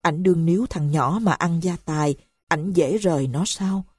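A remorseful young husband pleads tearfully in this storybook reading, voiced by a woman. The voice sits low and dark with a husky edge. The sound is close and dry. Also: moderate pace, no echo. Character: grief-stricken young husband, rash and remorseful.

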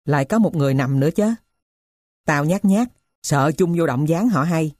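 A woman voicing a poor middle-aged male thief who tells his story in a rough, blunt way. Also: deep voice, lively intonation, moderate pace, a little mellow, no room sound, studio quality. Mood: gruff.

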